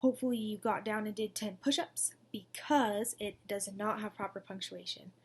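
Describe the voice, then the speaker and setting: In this recorded distance-learning lesson for second graders, a young woman speaks at normal speed with a medium pitch and a slightly breathy edge. Her manner is cheerful and encouraging as she coaxes the kids along.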